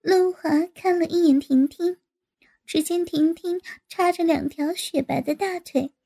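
A woman narrating a story at an unhurried pace. Her voice is high and mellow. She reads evenly and plainly. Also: steady tone, creaky. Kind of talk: slow storytelling reading.

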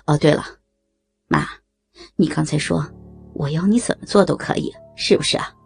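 A woman's voice: low voice, normal speed, creaky, slightly rough, no room sound, faint music behind, pitched below the performer's own voice, full character voice. A woman voicing a domineering young son-in-law in an audio story, with a mocking, taunting, bossy manner. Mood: sneering.

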